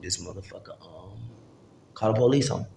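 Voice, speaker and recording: A man's voice: sits low, brisk, gravelly, dark tone, reverberant, a little hiss or hum. A man, casually telling a long, profane, rambling story to camera and acting out what people said. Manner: rambling, profane street talk with acted-out quotes. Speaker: vlogger.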